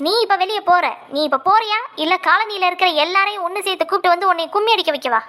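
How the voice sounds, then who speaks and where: A woman's voice: very high-pitched, quick pace, pushed and bright. A woman voicing a fierce, protective middle-aged mother in a comic cartoon, scolding and threatening. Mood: angry. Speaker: mother character.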